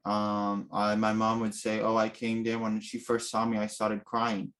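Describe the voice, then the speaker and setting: A Russian-speaking man recounts his own adoption story in an earnest, reflective personal interview. His voice is on the low side and a bit bright, delivered in a monotone at a measured pace.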